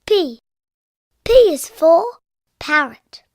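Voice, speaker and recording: A performer voicing a cheerful, giggly little piglet girl in a cartoon, reciting letters in a slow, sing-song way. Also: very high-pitched, expressive, no echo, studio quality, heavily acted. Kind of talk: cartoon voice acting, reciting the alphabet.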